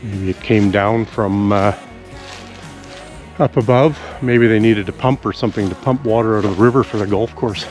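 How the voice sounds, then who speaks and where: A man vlogging outdoors on a country walk, musing aloud in a relaxed, rambling way with pauses as he thinks. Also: on the low side, soft background music. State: out of breath after a steep climb.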